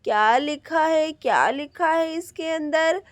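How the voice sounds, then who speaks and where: A woman voicing an excitable, cheerful village mother who exclaims as she chats. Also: high voice, takes it slowly, dry recording. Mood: busy. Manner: exclaiming, chatty.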